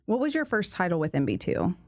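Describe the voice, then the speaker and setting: A woman co-hosts a casual podcast, playful and quick with teasing jokes. Her voice sits somewhat low for a woman. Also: wildly swooping pitch. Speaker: podcast co-host. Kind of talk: casual interview chat.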